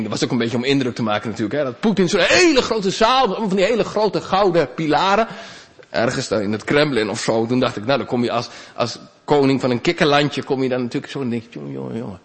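A male pastor giving a sermon in a conversational, animated way, with big swings in pitch.

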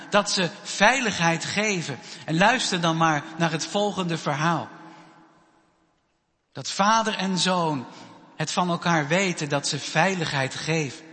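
A man giving a children's sermon and telling a story slowly, with pauses. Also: high voice, sharp tone. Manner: slow, storytelling delivery with pauses. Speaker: preacher. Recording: long hall reverb.

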